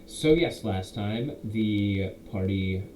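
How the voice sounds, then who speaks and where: A man's voice: lowish voice, expressive, mellow. A young man in a casual, rambling monologue, recapping a tabletop campaign as its game master and correcting himself as he goes. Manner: rambling, self-correcting, quotes players in quick asides. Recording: roomy echo, faint background hiss.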